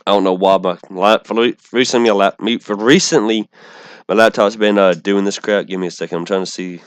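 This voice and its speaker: Deep clear voiced guy rambling about game strategy, cant say his r's so they come out like w, keeps restarting sentences. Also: fairly even intonation, no echo. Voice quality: speech impediment on R sounds, saying w for r. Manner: rambling, halting, with false starts and self-corrections. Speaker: online gamer presenting an opposing team. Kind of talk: casual unscripted game strategy commentary.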